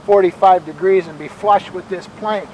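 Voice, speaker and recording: A middle-aged man giving an informal tour as a calm museum guide, explaining things in a matter-of-fact, halting, folksy way. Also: high voice, noisy background. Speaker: bird sanctuary museum guide and bird bander.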